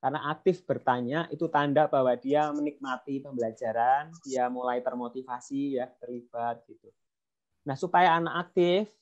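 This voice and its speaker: A man speaking to parents in a webinar, telling anecdotes and acting out dialogue, with frequent fillers. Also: medium pitch. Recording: dull lo-fi online audio.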